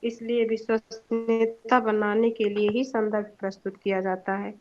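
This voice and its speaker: A woman's voice: fairly high pitch, little pitch movement, normal speed, darkish tone, soft background music. A young woman giving a student presentation in an online class, explaining points with examples and a few hesitant fillers. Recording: dull lo-fi online class audio.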